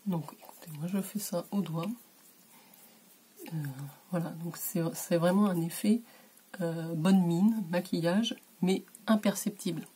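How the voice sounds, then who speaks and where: A woman in her bedroom giving a relaxed, chatty makeup tutorial, with many hesitations, sometimes dropping to a whisper while she applies product. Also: on the low side, unhurried, long pauses, husky. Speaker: beauty vlogger. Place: warm bedroom.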